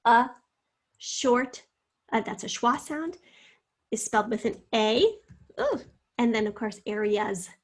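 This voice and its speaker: A woman teacher with a slightly high voice walks students through a spelling lesson. She draws out each syllable slowly and speaks to them in an encouraging way. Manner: slow, drawn-out sounding out of words; encouraging, addresses students directly.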